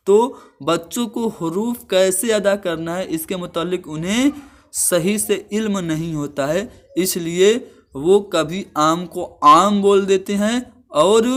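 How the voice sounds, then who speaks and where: Man w/ lecturing, kinda high voice, goes point by point. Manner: explains point by point, asks and answers own questions. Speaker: teacher. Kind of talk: classroom-style lecture.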